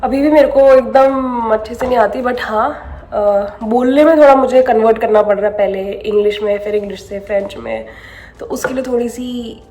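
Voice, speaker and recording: A woman's voice: on the high side, lively intonation, moderate pace, warm tone. A young woman from India chatting casually in a home vlog, mixing in English phrases and laughing often. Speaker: vlogger. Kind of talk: casual chat.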